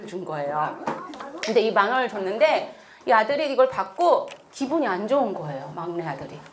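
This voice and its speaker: A middle-aged woman missionary giving a sermon in a church, animated, telling stories and quizzing the congregation. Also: medium pitch, brisk, a little hiss or hum. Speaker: missionary preacher. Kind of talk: sermon with prayer and congregation call-and-response. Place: church sanctuary.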